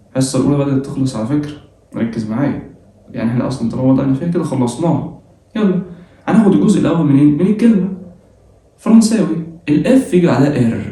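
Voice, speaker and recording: A man with an Egyptian accent teaching French pronunciation, lively and coaxing, slowly repeating sounds for students. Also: mid-range voice, very echoey, recorded from a distance. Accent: Egyptian Arabic. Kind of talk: online lesson for secondary school students.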